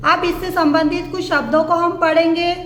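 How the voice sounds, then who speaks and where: A woman's voice: extremely high pitch, little pitch movement, normal speed, fairly bright tone, a little hiss or hum. A woman teaching a primary school class, patiently spelling words out letter by letter. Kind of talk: slow classroom lesson. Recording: echoey room with long reverb.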